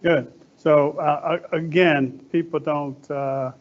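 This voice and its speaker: A man from Virginia interviewing a guest on stage, speaking haltingly and restating the guest's points. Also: on the high side, fairly even intonation, highs cut off. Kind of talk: onstage interview.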